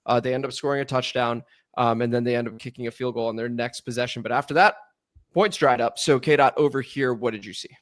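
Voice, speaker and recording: A man's voice: medium pitch, steady tone, quick pace. A man hosting a casual sports podcast, steering the talk to new topics and chiming in with short affirmations. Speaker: podcast host.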